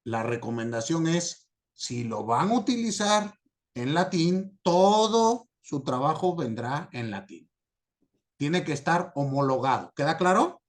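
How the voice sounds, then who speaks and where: Slow, high-voiced male teacher. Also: big pitch swings. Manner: slow, patient, checks understanding often. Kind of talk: recorded lecture on citation format.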